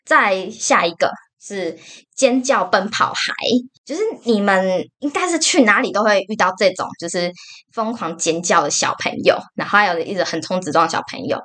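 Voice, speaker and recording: A young woman talks with a Taiwanese Mandarin accent in a casual podcast monologue. Her voice sits at an ordinary middle pitch. She rants with animated exasperation and leans on fillers as she tells her stories. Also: moderate pace. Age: young adult. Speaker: podcast co-host.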